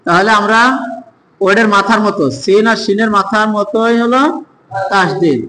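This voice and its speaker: A man with a high-pitched voice leads a Quran reading class. He asks the students questions and drills letter sounds in slow chants. Faint background noise sits under the recording. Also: sharp tone, big-room sound, low-quality recording. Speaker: Quran teacher.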